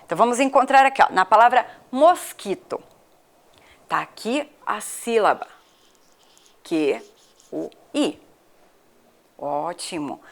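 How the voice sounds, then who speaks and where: A woman from Brazil, a primary school teacher, giving a patient video lesson to children and asking them questions. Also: on the high side. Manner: patient, questioning the pupils, spells out letters.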